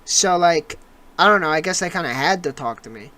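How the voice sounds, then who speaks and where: A young adult podcast co-host telling a long personal story in casual chat, rambling and animated with lots of fillers. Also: mid-range voice, fairly quick.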